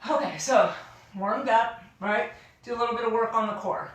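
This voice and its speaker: Careful, unhurried woman teaching yoga, very echoey. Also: a little high. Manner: careful, unhurried, gentle step-by-step cueing; informal, encouraging. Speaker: yoga instructor. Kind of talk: guided yoga class instruction. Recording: very echoey room, distant microphone.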